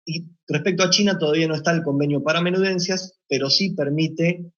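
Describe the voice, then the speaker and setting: A man giving a measured technical conference presentation, explaining point by point with occasional hesitations. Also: a little high. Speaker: meat plant deputy manager presenting. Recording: dull lo-fi recording.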